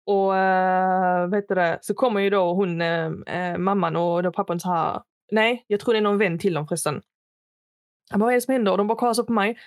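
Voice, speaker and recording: A woman's voice: fairly low pitch, dry recording, clean studio sound. Young woman telling a story. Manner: animated retelling, acts out quotes in raised voice; mixes English phrases into speech. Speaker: podcast co-host. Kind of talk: casual chat, storytelling.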